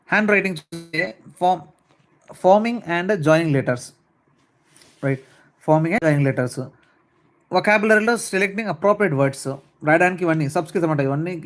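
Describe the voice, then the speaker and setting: A man with a fairly high voice gives a lecture on writing skills. He explains in Telugu and drags slowly through the English definitions. He checks in with his listeners again and again. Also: fairly bright tone. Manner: checks in with "right" and "fine" often. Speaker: English teacher. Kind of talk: classroom lecture.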